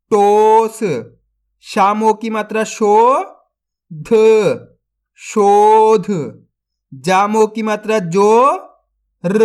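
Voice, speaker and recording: A man teaching Hindi reading, sounding out syllables slowly and saying each joined word louder, then explaining more quickly to his viewers. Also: high-pitched, clear, resonant tone. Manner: slow drawn-out syllables, louder when joining a word; speaks quicker and softer when explaining. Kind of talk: online reading lesson.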